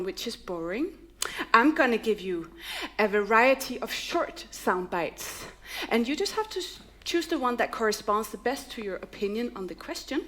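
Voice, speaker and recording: An actress playing an eager, overly polite call-centre worker running a phone survey on stage. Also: female voice, fairly high pitch, lightly acted. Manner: bright, eager customer-service politeness. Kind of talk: live music-theatre acting. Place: theatre stage.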